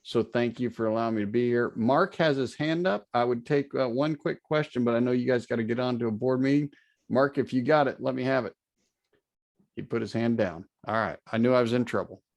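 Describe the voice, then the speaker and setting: A man's voice: mid-range voice, a little fast, a little mellow, muffled recording. A man presenting over a video call, earnest and self-deprecating, with frequent filler words. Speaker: guest presenter. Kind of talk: webinar presentation.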